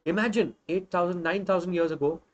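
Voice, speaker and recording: Man, North Indian accent, fairly high voice, emphatic online teacher, live revision lecture, slightly dull recording. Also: fairly quick. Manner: emphatic, interjects Hindi phrases. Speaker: online social science teacher.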